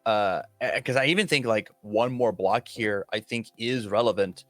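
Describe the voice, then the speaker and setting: A man's voice: on the low side, normal speed, dry recording. A man co-commentating a card game tournament live, talking casually and eagerly, often restarting his sentences. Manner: casual, eager, stumbles and restarts when excited.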